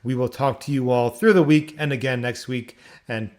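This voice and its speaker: A man's voice: medium pitch, fairly even intonation, moderate pace, darkish tone. A young man from Philadelphia with a Philly accent hosts a casual online community Q&A, rambling with restarts and fillers. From Philadelphia, Pennsylvania. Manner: rambling, repeats words, lots of fillers. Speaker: community AMA host. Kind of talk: casual community livestream talk.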